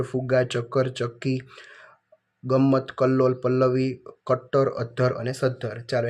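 A man teacher, reading out workbook answers to children in a flat, list-like way. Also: mid-range voice.

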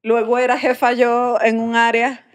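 A woman with a Venezuelan accent, co-hosting a casual chat and telling stories in an animated way. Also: fairly high pitch, normal speed. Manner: animated storytelling. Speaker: podcast co-host.

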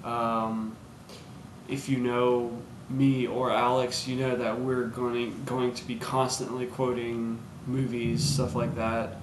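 A man's voice: mid-range voice, level tone, slow pace. A young man co-hosting in casual chat, rambling and giggly with many ums, on a handheld camera. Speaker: co-host. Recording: echoey room with background noise.

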